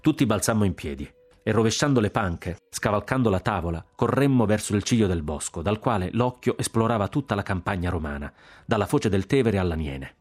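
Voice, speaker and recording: A man with an Italian accent reading a literary novel aloud in a measured, deliberate way. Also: fairly low pitch, lively intonation, a little mellow. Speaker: audiobook narrator.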